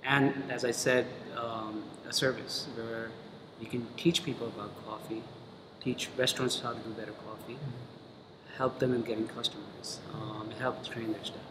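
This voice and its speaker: A man's voice: mid-range voice, little pitch movement, normal speed, crowd noise. A middle-aged man from Pakistan, a coffee roaster, talking in a sit-down interview in a cafe, reflective and restarting his thoughts. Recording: roomy cafe with background noise.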